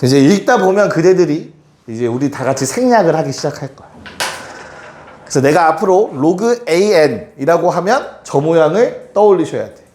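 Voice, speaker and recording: A man's voice: on the high side, animated, normal speed, darkish tone. A man teaching a math class to students, often stopping to check that they understand. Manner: addresses students directly, keeps checking they follow. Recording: echoey classroom with faint noise.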